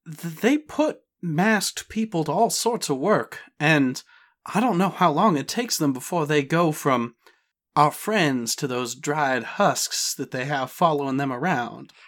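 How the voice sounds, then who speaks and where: A man narrating as game master of a tabletop role-playing game, relaxed and halting, with many fillers. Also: a little high.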